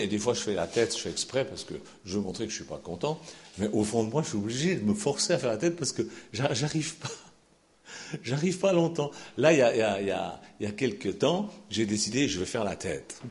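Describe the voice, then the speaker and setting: An older man delivers a sermon in a chapel, his voice rising and falling in wide, lively swings of pitch. He talks expressively, laughing between points and dropping to a hush before calling out again. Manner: warm, expressive preaching with laughter and sudden shifts between loud and hushed. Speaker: pastor.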